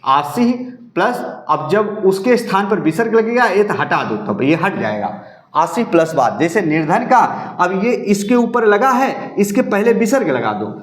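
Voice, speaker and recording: A man's voice: high-pitched, sing-song, a little slow, echoey room. A man teaching Hindi grammar for an exam, drilling rules, repeating key points and calling his viewers students. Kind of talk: exam-prep grammar lesson.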